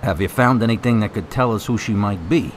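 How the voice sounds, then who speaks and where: An actor playing a businesslike, courteous police officer in a radio drama, direct and plain-spoken. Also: male voice, on the low side, brisk, a little hiss or hum, lightly acted. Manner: direct, polite, questioning.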